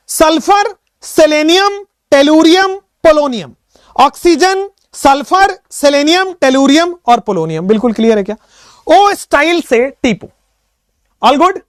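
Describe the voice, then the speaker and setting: A man's voice: very high voice, no room sound, clean studio sound. A man teaching chemistry in a casual online lecture, playful and teasing, mixing in English phrases and chanting memory tricks in a sing-song way. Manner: lively, sing-song when reciting mnemonics.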